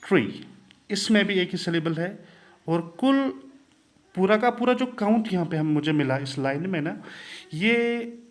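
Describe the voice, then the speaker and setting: A man teaching a poetry lesson, counting syllables slowly and emphatically. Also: sits high, animated. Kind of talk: poetry lesson mixing English and Hindi.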